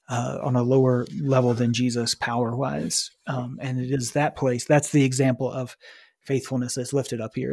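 A man co-hosts a casual lectionary podcast, chatting easily and reading scripture aloud with emphasis. His voice is mid-range, somewhat mellow and husky.

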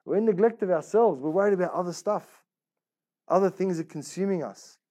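Speaking briskly in a high-pitched, dark voice, an Islamic teacher gives a religious class that feels like a conversational sermon. He uses everyday language, rhetorical questions, repetition, and Arabic religious phrases, even voicing inner thoughts in role-play.

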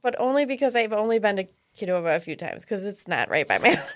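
A woman's voice: mid-range voice, sing-song, quick pace. A middle-aged woman hosting a podcast, telling stories in casual chat and laughing often. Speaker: podcast host.

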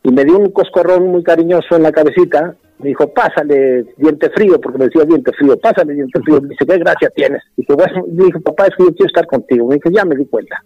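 A man recalls a story as an interview guest and acts out the voices in it. His voice sits a little high for a man. The recording is dry and dull, like an old broadcast. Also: quick pace, hardly any pauses, dry recording, soft background music. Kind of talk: reminiscing storytelling.

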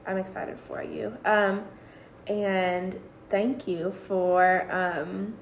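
A woman teacher chatting as a guest interviewer, hoarse from yelling, heartfelt with many fillers. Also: mid-range voice, level tone, very slow, a little hiss or hum. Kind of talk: casual podcast chat. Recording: echoey room.

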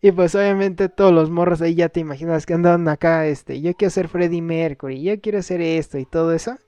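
A man with a Mexican Spanish accent in casual chat, telling stories in a relaxed, slangy way. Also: a little high, fast talker, smooth, no echo.

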